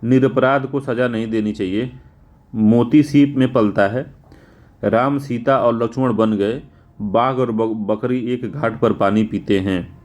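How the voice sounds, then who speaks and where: A male teacher going through exam answers, spelling words out slowly and repeating them, casual in tone. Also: medium pitch, fairly even intonation, a little mellow. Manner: informal, repeats "theek hai" often.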